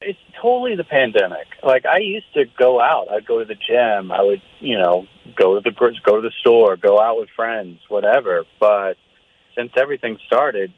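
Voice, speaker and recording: A young man heard over a telephone line, talking in a hesitant, nervous, halting way. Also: on the low side, lively intonation, slightly rough. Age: young adult. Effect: heard over a phone line. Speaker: guest called on the radio show. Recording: tinny phone line.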